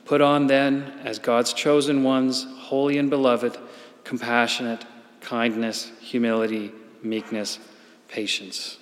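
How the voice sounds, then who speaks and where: Male lay reader, solemn and measured scripture delivery, mid pitch, long cathedral-style reverb. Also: flat delivery. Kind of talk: formal church scripture reading. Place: large church.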